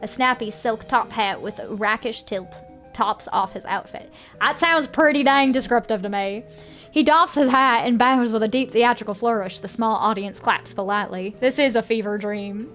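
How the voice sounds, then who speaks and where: A woman's voice: a little high, normal speed, a bit bright, faint music behind. A woman streaming a video game, reading its story text aloud and reacting casually as she plays.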